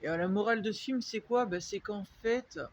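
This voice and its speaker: In a dark, unlit place surrounded by vehicle noise, a young French vlogger chats loosely with a French accent, rambling and restarting amid plenty of fillers. He has a high voice and talks fairly quickly, with a little hiss or hum in the recording.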